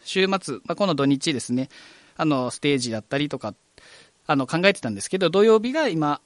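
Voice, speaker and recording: A radio host with a Kagoshima accent runs a live program in a chatty, friendly way. His voice sits on the high side, very animated and fast, with no echo.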